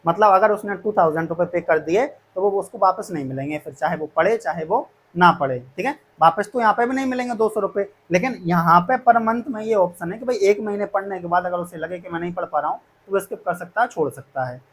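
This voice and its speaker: High-voiced teacher talking to students. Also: male voice, a little fast, few pauses, a bit bright, slight background noise. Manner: repetitive, reassuring, addresses students as kids. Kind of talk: explaining course fees to students.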